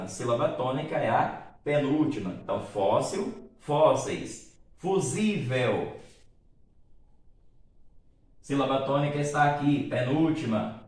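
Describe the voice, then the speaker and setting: A Brazilian man teaching grammar at an unhurried, deliberate pace, checking in with the class as he goes. His voice sits at a middle pitch and rings through a very echoey room. He sounds set back from the microphone. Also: recorded from a distance. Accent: Brazilian Portuguese. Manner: slow, patient, explains step by step with frequent "né?" and "tá bom?". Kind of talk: grammar lesson.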